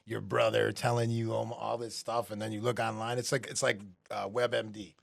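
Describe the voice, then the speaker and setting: Man, gravelly, low, casual podcast chat, dry close sound, lots of fillers. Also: flat delivery, normal speed, no echo. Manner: loose, filler-heavy, upbeat. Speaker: podcast guest, realtor.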